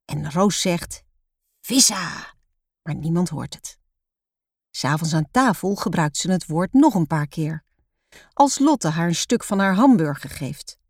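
A woman narrating a children's story aloud, calm and expressive. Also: fairly low pitch, a little slow, dry recording, studio quality.

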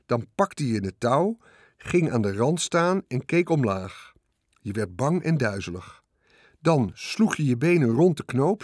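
Expressive male storybook narrator. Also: husky, no room sound, clean studio sound. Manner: expressive, swings pitch with the action.

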